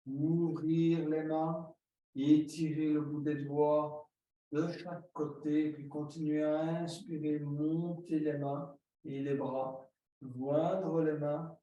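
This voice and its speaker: A man leading a yoga class, giving slow, calm breathing and posture cues step by step. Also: a little high. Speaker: yoga teacher. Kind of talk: guided yoga instruction. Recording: very echoey room, distant mic.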